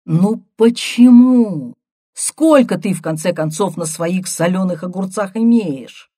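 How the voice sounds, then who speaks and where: A man's voice: high voice, slow pace, dark tone, dry recording, clean studio sound, pitched above the performer's own voice. A woman voicing an eager, insistent man urging his friend to take a job. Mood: exasperated. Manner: insistent, persuasive. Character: eager, pushy male university friend.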